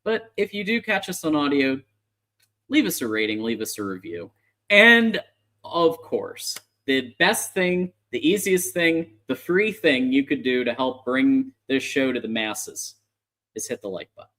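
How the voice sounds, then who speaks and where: A man's voice: mid-range voice, a bit bright. A man hosting a casual livestream sports show with upbeat, conversational patter.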